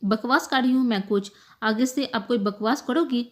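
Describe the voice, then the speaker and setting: A bossy young woman friend who scolds in a raised, fairly high voice, as a woman narrator puts her on. She has the quick bite of a storybook best friend. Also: natural voice. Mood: scolding. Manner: sharp and scolding.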